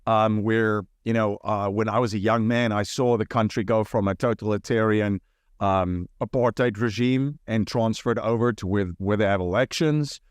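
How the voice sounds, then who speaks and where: A man's voice: on the low side, steady tone, normal speed, clean tone, no room sound, clean studio sound. A man from South Africa, a podcast guest, telling his story earnestly with frequent restarts. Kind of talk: conversational interview.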